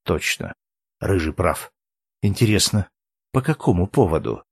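A man's voice: on the low side, animated, normal speed, a little mellow, dry recording. A man reading an audiobook, voicing a weary male character who grumbles sardonically. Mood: grumbling.

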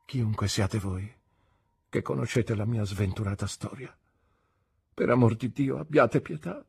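A woman reading an audiobook, voicing a gentle young woman who pleads softly and tearfully. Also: extremely low pitch, very slow, vocal fry, slightly rough, voice pushed up, heavily acted. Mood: pleading.

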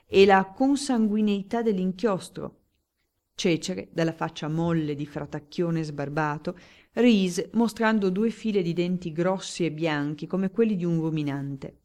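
A woman narrating a literary audiobook in a measured, unhurried way. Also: low voice, steady tone, a little mellow. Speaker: audiobook reader.

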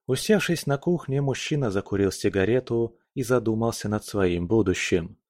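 A man narrating an audiobook in a calm, measured reading. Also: on the low side, dry recording, clean studio sound. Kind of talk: scripted narration.

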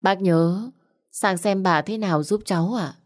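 A woman's voice: medium pitch, measured pace, no room sound, studio quality, lightly acted. Woman voicing a humble young village girl, polite, pleading tone.

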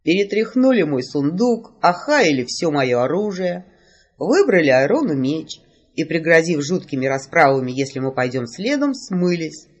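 A woman reading aloud and voicing a dry, sardonic young woman in a lowered, matter-of-fact tone. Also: very animated, normal speed.

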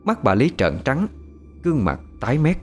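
A man narrating a ghost story in a measured, dramatic way. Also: medium pitch, huge pitch swings, soft background music.

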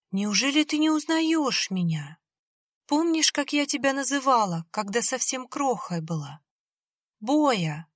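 A woman's voice: fairly high pitch, dry recording, clean studio sound, voice pushed up. Woman doing a rustling ghost girl, pleading. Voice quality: rustling, childlike. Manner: coaxing, insistently pleading. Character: ghostly little girl spirit, wheedling and pleading. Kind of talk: audiobook character voice.

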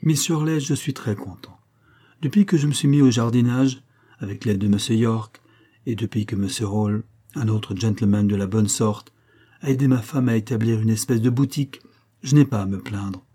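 A proud working man of about forty, read by a man. He speaks in a dark, mellow, slightly husky voice, earnest and plain-spoken. The storybook reading is steady and unhurried. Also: lowish voice, close to an everyday voice. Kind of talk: audiobook character reading.

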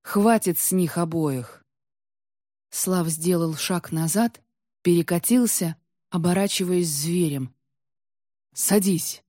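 A woman giving a measured, dramatic storybook narration. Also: on the low side, warm tone, no room sound, clean studio sound. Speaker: audiobook narrator.

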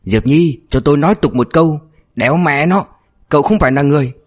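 A man voicing an excitable, brash young male police cadet who blurts out questions. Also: fairly high pitch, quick pace. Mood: excited. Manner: eager, blurting.

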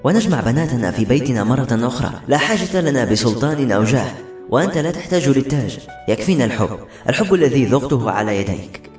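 A man's voice: medium pitch, quick pace, close to an everyday voice. A man voicing Maysan, a steadfast loving mother. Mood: earnest. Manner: earnest and steady. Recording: roomy echo, faint music behind.

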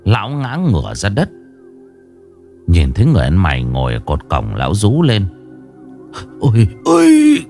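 A man's voice: lowish voice, darkish tone. A man narrating a ghost story with dramatic, rising and falling delivery.

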